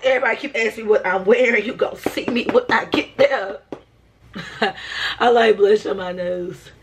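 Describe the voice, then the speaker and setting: A woman's voice: mid-range voice, moderate pace, a little hiss or hum. A young woman vlogging to the camera while she does her makeup. She talks bluntly in slang, swears freely and laughs between lines. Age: young adult. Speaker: college vlogger. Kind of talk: casual vlog talk to camera. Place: indoors at home, doing makeup.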